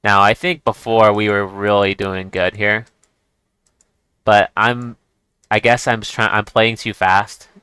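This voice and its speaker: A man's voice: lowish voice, little pitch movement, slow, pushed and bright, smooth, no room sound. A man giving casual chess commentary as he plays, thinking aloud and restarting his sentences. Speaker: chess streamer.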